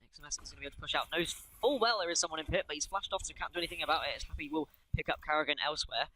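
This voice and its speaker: A man with a West Country English accent giving fast play-by-play esports commentary with jokey asides. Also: a little high, pushed and bright, low-quality recording.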